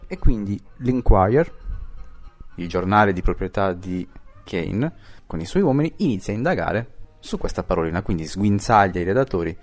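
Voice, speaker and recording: Deep voiced dude podcast host, jokey irreverent movie talk, super up and down intonation. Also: male voice, lively intonation, normal speed, soft background music. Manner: joking, irreverent. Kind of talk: casual comic film chat and plot retelling.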